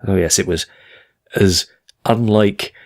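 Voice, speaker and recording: A man's voice: fairly low pitch, takes it slowly. A man giving casual playthrough commentary as a gaming host, in a wry, self-deprecating way.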